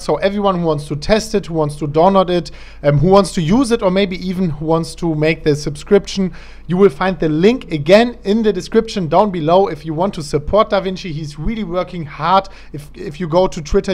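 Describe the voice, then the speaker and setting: A man's voice: a little high, a little mellow. A man hosting a show in a casual, conversational interview style. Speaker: show host.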